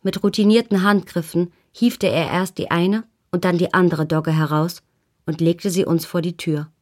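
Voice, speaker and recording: Low-voiced woman reading an audiobook. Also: fairly even intonation, normal speed, darkish tone. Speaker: audiobook narrator. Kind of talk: scripted first-person narration.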